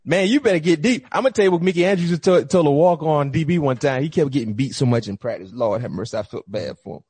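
A man's voice: on the high side, lively intonation, quick pace, a little mellow, husky, dry recording. A man co-hosting a sports talk show, telling stories with lots of animation and acting out the coaches he quotes. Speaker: podcast co-host. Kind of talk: casual sports chat.

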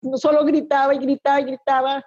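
A woman's voice: sits high, flat delivery, brisk, a little mellow, highs cut off. A middle-aged woman giving an anguished, emotional personal account in an interview. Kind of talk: personal testimony.

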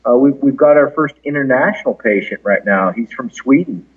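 A man's voice: medium pitch, expressive, normal speed, husky, narrow, tinny audio. A man in casual conversational talk, his voice echoing in a large conference room as he speaks as an interviewed clinic founder. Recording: echoey big conference room, band-limited, distant.

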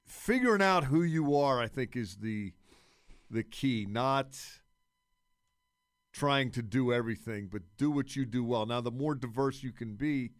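A man giving casual sports analysis as a radio commentator, haltingly repeating words as he works out his points. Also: medium pitch, dry recording, clean studio sound.

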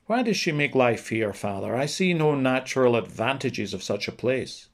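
A man reading an audiobook, voicing a courteous, curious young prince in a gentle, formal manner. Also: medium pitch, expressive, normal speed, lightly acted.

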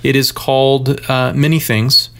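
Male podcast co-host, mid pitch, relaxed explainer, casual chat. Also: measured pace. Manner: explanatory, joking, enthusiastic about drinks.

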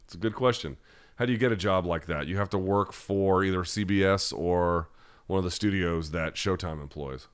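An American podcast host answers listener questions on a live-chat show, speaking bluntly and with strong opinions in a conversational way. His voice sits low and has a clear, resonant tone at a moderate pace.

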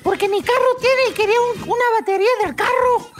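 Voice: very high-pitched, fairly quick. A performer voicing a whiny, mischievous schoolkid in a comedy radio sketch.

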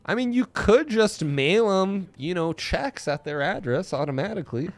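A man's voice: high voice, moderate pace, no echo. A man co-hosting a sports betting podcast, bantering casually and laughing often. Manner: jokey, animated, laughs often.

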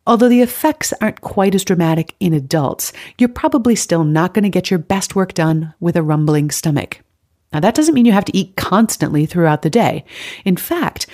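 Low-pitched woman, upbeat, tidy advice host. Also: warm tone. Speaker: podcast host giving nutrition advice. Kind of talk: scripted advice narration.

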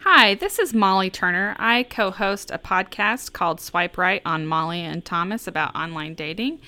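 A woman's voice: mid-range voice, expressive, moderate pace, bright, forceful tone, slight background noise. A woman co-hosting a casual podcast, talking in a wry, skeptical, amused way. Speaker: podcast co-host.

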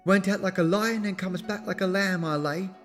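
Man doing a shrill scolding housewife. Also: normal speed, in a large hall, soft background music. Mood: playful. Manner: sharp, shrieking lines.

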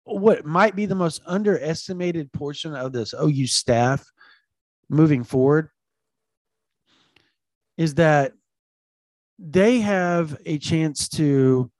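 A man who covers college football recruiting, talking in an animated, rambling way and repeating himself for emphasis. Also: on the high side, slow pace, pauses often, no room sound. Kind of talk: sports talk, casual chat.

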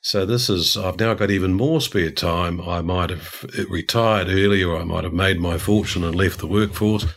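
A man's voice: low-pitched, moderate pace, vocal fry, hardly any pauses, fairly bright tone. An older man from New Zealand explaining ideas in a discursive, chatty way, full of asides. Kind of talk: casual conversation.

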